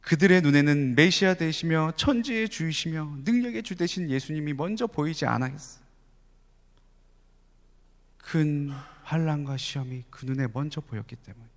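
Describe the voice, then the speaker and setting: A man preaching a sermon at a youth service, animated, with frequent rhetorical questions and occasional soft asides. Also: fairly high pitch, moderate pace. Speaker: youth pastor. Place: large church sanctuary. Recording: long church hall reverb.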